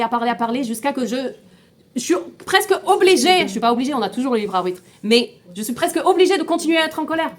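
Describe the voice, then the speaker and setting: A woman teaching an informal class, explaining step by step, asking her students questions and often restarting and repeating words. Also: a little high. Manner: mixes in Hebrew terms.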